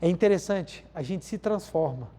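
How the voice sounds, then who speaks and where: This spiritual lecturer speaks with a Brazilian accent in a warm, high-pitched, expressive voice at normal speed. His talk is built on everyday stories, and he constantly addresses listeners as "gente" while repeating key lines for emphasis.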